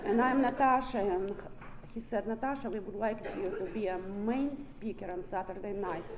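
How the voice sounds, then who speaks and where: Speaking to a meeting room as the main speaker, a Russian-accented woman who was born in Ukraine and grew up in Siberia shares a frank recovery testimony, cursing freely and laughing a lot. Her voice is medium-pitched at a normal pace. The recording is rough, with a crowd in the background.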